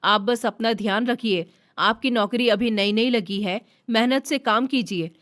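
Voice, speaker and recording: A woman voicing a gentle, self-sacrificing young wife who speaks softly and reassuringly. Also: on the high side, measured pace. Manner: soft, reassuring.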